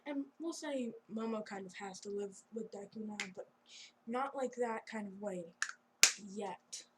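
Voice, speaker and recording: A woman's voice: on the high side, normal speed, noisy background. Giggly rambling young woman storyteller. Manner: rambling, giggly, chatty with fillers. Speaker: fan storyteller. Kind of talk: casual improvised story narration.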